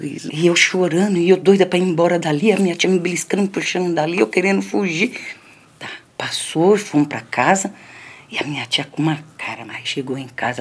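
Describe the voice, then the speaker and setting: A woman's voice: on the low side, a little mellow, slightly rough. An older woman telling a personal story in a conversational way, often adding little tag questions and speaking straight to her listeners. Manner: conversational, lots of "né" tags, addresses listeners. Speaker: storyteller recounting a childhood memory. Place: community center.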